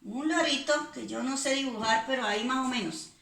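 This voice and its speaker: A Colombian woman teaching small children a phonics lesson, stretching out each syllable slowly and speaking to them with affection. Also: high voice, vocal fry, fairly bright tone. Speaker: preschool teacher. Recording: echoey room.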